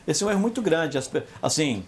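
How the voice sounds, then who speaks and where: Homem animado de voz aguda e viva. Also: male voice, on the high side, quick pace, noisy background. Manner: animated, repeats words often, checks in with "você entendeu?". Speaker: podcast co-host. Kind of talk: casual chat.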